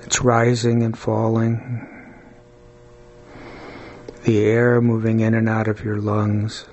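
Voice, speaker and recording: Calm guy doing guided meditation, soothing n flat, lots of long pauses, bit of hum in the background. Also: lowish voice. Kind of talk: guided body-scan meditation.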